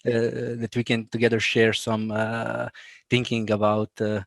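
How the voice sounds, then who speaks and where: A man in his thirties with a Croatian accent talks haltingly over a video call, full of fillers and restarts. His voice stays flat in pitch, and the recording is dry and close. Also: creaky, dry recording. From Bosnia. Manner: laughs often. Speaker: guest, BIM manager. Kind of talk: casual interview.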